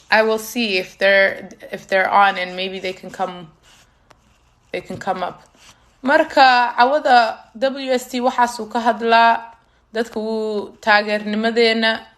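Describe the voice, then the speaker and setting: Here the same kind of host, a young woman from Canada running her community foundation's live stream, sounds pushed and bright in a mid-range voice. She talks to viewers, moving between Somali and English with plenty of filler words.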